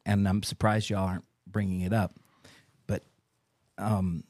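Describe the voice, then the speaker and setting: A man's voice: low-pitched, flat delivery, measured pace, darkish tone, dry recording, clean studio sound. A man co-hosting a casual podcast, telling a story in an easygoing, wry way. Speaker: podcast co-host. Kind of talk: casual chat.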